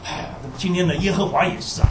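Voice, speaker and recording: A man's voice: high-pitched, rapid-fire, a little hiss or hum. A man preaching a sermon, full of rhetorical questions and sighing exclamations. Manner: animated, rhetorical questions with frequent sighing interjections. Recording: roomy hall recorded from a distance.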